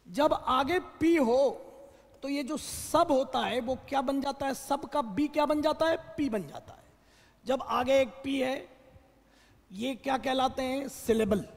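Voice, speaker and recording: A man teaches a class slowly, stopping to ask questions and answer them himself. His voice sits very high and sounds husky and gravelly. The room adds a long, echoey reverb. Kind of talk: classroom vocabulary lesson.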